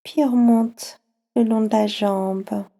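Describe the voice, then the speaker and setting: Speaking softly and soothingly with long pauses, a woman with a French accent leads children through a slow yoga nidra relaxation. Her pitch sits fairly high and her intonation stays fairly even, with some vocal fry.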